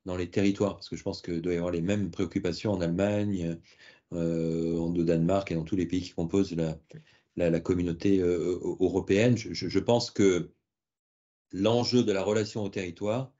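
Man with a very deep, dark voice. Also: steady tone. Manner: measured, halting, with repeated words. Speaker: director of a regional health agency, guest. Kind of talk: video call discussion. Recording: dull lo-fi video call audio.

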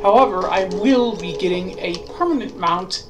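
A woman hosts a gaming video with casual, off-the-cuff commentary. Her voice is mid-pitched, and loud game music plays behind it. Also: moderate pace.

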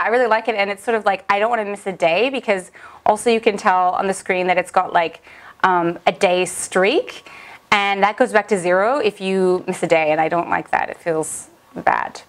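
A young woman vlogging in a casual, upbeat way as she reviews a language app, chatty and full of little fillers. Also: mid-range voice.

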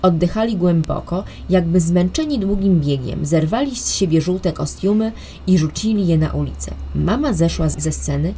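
A woman narrating a children's audiobook in a calm, expressive way. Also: lowish voice, normal speed, a little hiss or hum. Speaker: storyteller.

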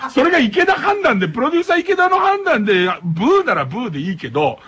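A man's voice: very high-pitched, very animated, fast talker, a bit bright. A man hosting a late-night radio comedy show, laughing and ranting in disbelief. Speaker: radio host.

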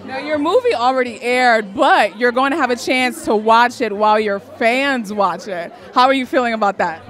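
A woman's voice: on the high side, lively intonation, normal speed, fairly bright tone. A woman chatting as a red carpet interviewer, asking questions into a handheld mic. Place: red carpet press wall at an event. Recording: crowd chatter behind, event hall. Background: crowd chatter.

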